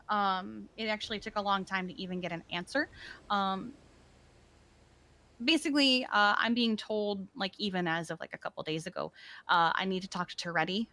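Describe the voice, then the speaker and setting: A woman's voice: mid-range voice, normal speed, sharp tone. Woman, roleplay streamer; talks in character, rambling with lots of ums. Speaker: roleplay EMS command player.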